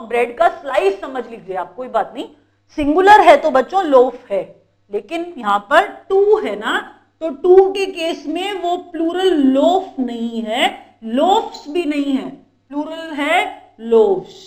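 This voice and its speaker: A woman teacher with an Indian accent giving an exam-prep grammar lecture, explaining slowly and repeating key points to her students. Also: high voice. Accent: Indian English.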